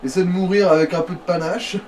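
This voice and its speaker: A man co-commenting on a let's play jokes in a crude, mocking, casual way about a video game. His voice sits high with a darkish tone, steady and quick, and he's recorded some distance from the mic with faint noise.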